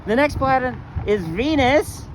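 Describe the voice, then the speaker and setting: A woman's voice: sits high, expressive, a little slow. A woman teaching a walking astronomy lesson outdoors on a campus, out of breath and explaining with enthusiasm. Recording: wind noise outdoors.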